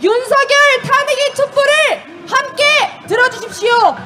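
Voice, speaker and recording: A woman emceeing an outdoor street march, shouting slogans and leading the crowd in call-and-response chants. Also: extremely high pitch, moderate pace. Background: crowd noise.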